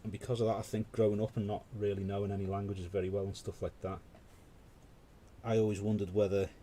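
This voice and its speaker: A British man hosts a paint-along stream, chatting casually while he paints and rambling off into asides. His voice is on the low side, level and mellow, and he talks fast, with a little hiss or hum on the recording.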